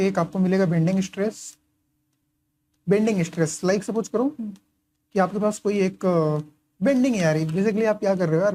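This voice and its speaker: Man, engineering tutor, casual lecture, mellow dark tone, asks and answers his own questions, frequent okay and right, highlights notes as he talks. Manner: writes and highlights while talking. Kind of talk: casual lecture explaining course material.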